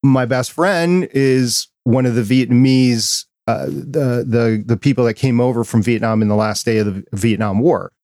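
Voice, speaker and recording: A Midwestern American podcast host explains his views earnestly and reflectively during a casual interview chat. His mid-range voice is fairly even and a little mellow, moving at normal speed with few pauses, and the recording is studio quality with no echo.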